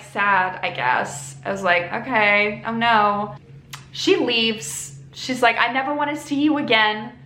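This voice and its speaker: A woman telling a story as a book reviewer in a casual, rambling, slightly tipsy way, animated and acting out reactions with exaggerated emphasis. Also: on the high side. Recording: roomy echo with background noise.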